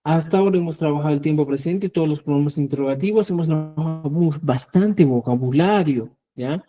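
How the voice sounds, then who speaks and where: A male teacher, explaining grammar in an online lesson and often checking in with a quick "¿ya?". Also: a little high, over music, rough recording. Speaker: Quechua language teacher.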